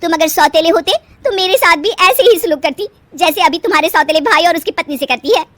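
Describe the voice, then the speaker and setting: A woman voicing a spoiled, quarrelsome young wife who complains loudly and tearfully in a storybook tale. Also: expressive, brisk, slight background noise. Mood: tearful demanding. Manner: shrill, loud, tearful complaining. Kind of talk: storybook voice acting.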